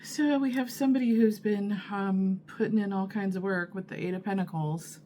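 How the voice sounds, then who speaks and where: A woman gives a casual tarot reading to the camera, taking her time and musing aloud with lots of fillers and pauses. Her mid-range voice is dark and fairly even in intonation, husky in a morning way from allergies. There is slight background noise.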